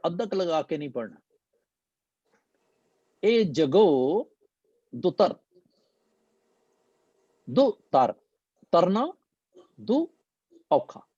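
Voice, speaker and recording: A man teaching scripture, speaking very slowly and deliberately with English phrases worked in. His voice is warm and mellow and sits a little high. The recording is dry and slightly muffled. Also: slightly rough, dry recording. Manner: slow, deliberate, mixing English phrases into explanation. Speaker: Gurbani teacher. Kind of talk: scripture explanation talk.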